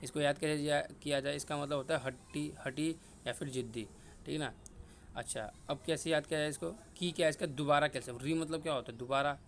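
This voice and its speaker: A man's voice: fairly high pitch, fairly even intonation, brisk, fairly bright tone, a little hiss or hum. A young man teaching an exam-prep vocabulary lesson, repeating each word and quizzing himself aloud. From India. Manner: repetitive, drilling words and asking himself questions. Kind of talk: casual Hindi vocabulary lesson with memory tricks.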